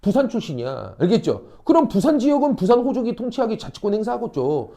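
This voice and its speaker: A man teaching a high-school history class, blunt and teasing, quizzing students and acting out a king's orders. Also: sing-song, quick pace, vocal fry, mellow. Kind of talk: classroom lecture.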